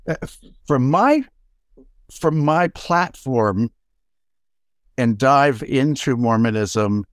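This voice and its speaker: Older guy, music prof, thinking out loud with lots of uhs and restarts, dry recording. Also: medium pitch, no room sound. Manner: halting, many fillers and restarts. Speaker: award recipient, music professor. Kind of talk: reflective acceptance talk.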